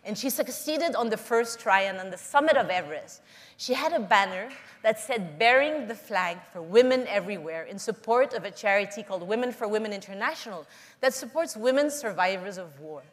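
A middle-aged woman from the Philippines giving an earnest, measured public talk, telling personal stories to an audience. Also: mid-range voice, animated, big-room sound. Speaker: conference speaker.

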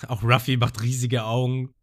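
A podcast host with a mid-range voice and moderate pace casually recaps an episode. He's a lively storyteller, breaking into characters' lines with a raised voice.

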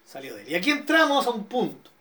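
A man's voice: high-pitched, wildly swooping pitch, fast talker, pushed and bright. A middle-aged man with a Chilean accent, a pastor teaching an interactive Bible study who keeps checking in with his listeners. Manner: questioning, checks in with listeners often.

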